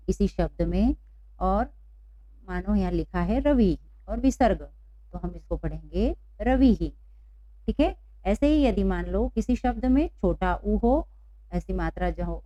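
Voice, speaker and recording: A woman's voice: medium pitch, mellow, no echo. Patient woman teaching a children's class. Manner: patient, asks and repeats questions. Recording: dull, dry lo-fi recording.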